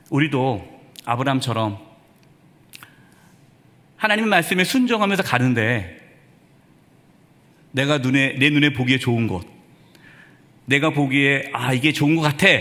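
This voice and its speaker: A man's voice: mid-range voice, a bit bright. A male pastor delivering a Sunday sermon in a church, asking the congregation one rhetorical question after another. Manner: preaching with many rhetorical questions. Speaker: senior pastor. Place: church sanctuary. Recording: reverberant church hall.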